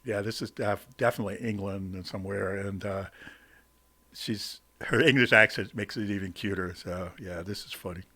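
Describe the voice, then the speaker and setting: Low-voiced man hesitantly reacting to a clip. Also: fairly even intonation, moderate pace, pushed and bright, slightly rough. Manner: hesitant, filler-heavy. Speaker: reaction video host. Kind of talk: casual reaction commentary.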